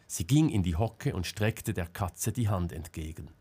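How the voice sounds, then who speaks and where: A man reading an audiobook as narrator in a calm, measured way. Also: sits low, breathy edge. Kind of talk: scripted narration.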